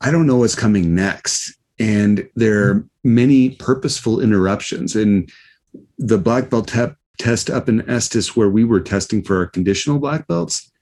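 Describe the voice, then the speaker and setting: A man hosting a casual interview, talking in a halting, reflective way with many restarts. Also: fairly low pitch, darkish tone. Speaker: podcast host.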